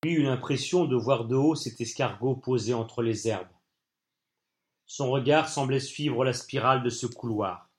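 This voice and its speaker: A man narrating an audiobook in an even, measured reading voice. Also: medium pitch.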